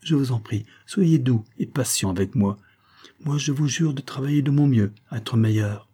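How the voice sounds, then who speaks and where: A man reading a story voices a capricious, quick-tempered young woman who turns pleading and coaxing. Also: mid-range voice, warm tone, husky, natural voice.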